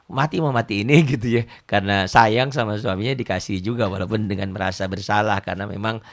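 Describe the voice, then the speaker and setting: A middle-aged man, teaching Quran reading in a casual, joking way, often repeating words and reciting verses slowly. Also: on the low side, steady tone, vocal fry.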